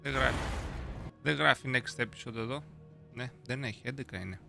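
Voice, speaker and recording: A man's voice: mid-range voice, creaky, pushed and bright. A young man hosting a casual live stream, playful and slangy, chatting with viewers and reading their messages aloud. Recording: faint music behind.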